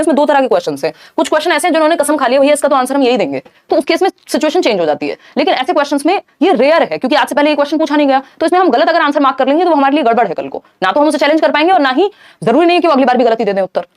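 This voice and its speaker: A woman teaching a live online exam-prep lesson, explaining answers briskly and answering viewers in the chat. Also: high-pitched.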